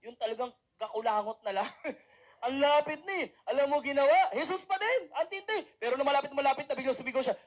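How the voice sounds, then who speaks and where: Very high-voiced young man mentoring a crowd. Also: quick pace. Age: young adult. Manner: animated storytelling, acting out quotes; peppers lines with rhetorical "di ba?". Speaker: mentor and motivational speaker. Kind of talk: motivational talk to a live audience.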